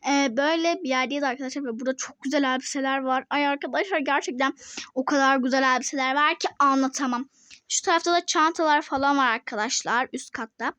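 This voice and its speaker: A woman's voice: high-pitched, fast talker, pushed and bright, no room sound. A female vlogger chatting casually and bubbly to her viewers, calling them friends again and again. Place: indoors at home, then a dress shop.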